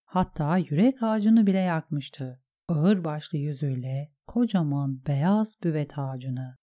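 A woman narrating a fantasy audiobook in a steady, even storytelling manner. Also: sits low, a little slow.

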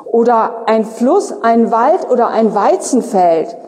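A woman reading the lines of a stubborn, simple-minded young male soldier, read aloud slowly and evenly. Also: very high-pitched, sing-song, a little mellow, in a large hall, exaggerated voice.

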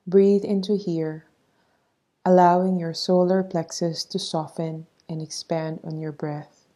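A woman offers meditation instructions in a steady, lowish voice that is soft, breathy and calmly paced.

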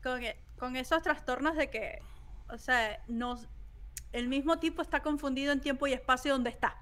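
A woman with a high voice co-hosts a casual panel chat. She talks in an animated way and acts out her own reactions as quotes. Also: normal speed. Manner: animated, laughing asides and quoted exclamations. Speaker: co-host.

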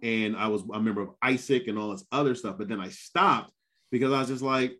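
A man in his fifties chatting casually and telling stories in an animated way, with emphatic repetition. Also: mid-range voice, fairly quick. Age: 50s. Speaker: guest, former Marine. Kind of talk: casual conversational storytelling.

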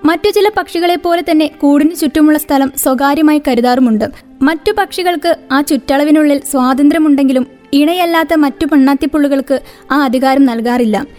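Woman narrator, high voice, steady scripted read over soft music. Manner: even, informative reading pace. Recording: faint background music.

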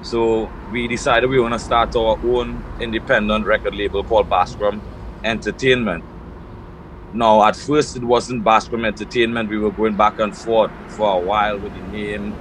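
A man from Trinidad and Tobago, answering interview questions at home in a relaxed storytelling way. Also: lowish voice, moderate pace, slight background noise, low-quality recording. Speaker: guest, music label founder.

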